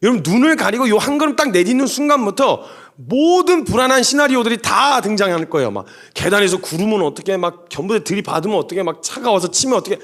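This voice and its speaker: Guy preaching to young adults, talks really fast, lively joking storyteller. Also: sits high. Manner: animated, storytelling with humorous asides.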